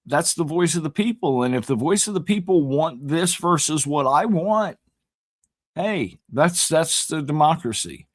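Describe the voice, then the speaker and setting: A man's voice: on the high side, lively intonation, a little slow, no room sound, studio quality. A man co-hosting a podcast, talking politics earnestly in a casual way and often repeating words as he searches for them. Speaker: podcast co-host.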